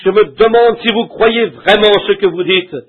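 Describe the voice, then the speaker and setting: A man's voice: high-pitched, moderate pace. A man delivering a sermon in a fervent, pleading preaching manner. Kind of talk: French dubbed reading of a sermon. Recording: tinny, narrow lo-fi tape sound.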